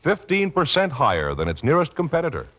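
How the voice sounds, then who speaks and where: A man's voice: a little high, huge pitch swings, fairly quick, a bit bright. A man with an American accent announcing in a solemn, emphatic 1950s radio style, reading a script. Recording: dull old radio recording. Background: music.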